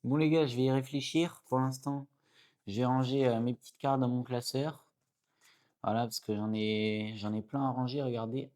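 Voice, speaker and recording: A man doing casual, chatty commentary while opening card packs, addressing his viewers constantly and breaking into sudden excited exclamations and jokes. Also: moderate pace. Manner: bursts into high exclamations and jokey asides.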